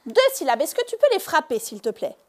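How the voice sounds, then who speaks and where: A woman teacher giving a lesson to young pupils in a classroom, speaking slowly and clearly and stressing each syllable. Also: high voice, very animated. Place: primary school classroom.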